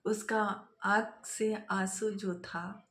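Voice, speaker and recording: Brief: woman storyteller, unhurried and repetitive, echoey room. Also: mid-range voice, level tone, a bit bright. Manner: slow, repetitive, simple narration. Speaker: vlogger and storyteller. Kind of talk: casual spoken storytelling. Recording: roomy echo.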